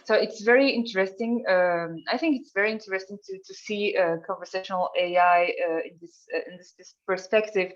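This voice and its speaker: A woman from Tunisia, a guest on a tech panel, speaking hesitantly with many pauses and fillers. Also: medium pitch, lo-fi sound. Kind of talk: panel discussion.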